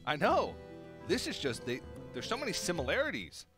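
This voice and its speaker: A young male esports caster with a bright, forward voice that swings up and down a lot. He trades playful banter with his co-caster, and soft music runs underneath him. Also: on the high side, huge pitch swings, moderate pace. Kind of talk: tournament commentary.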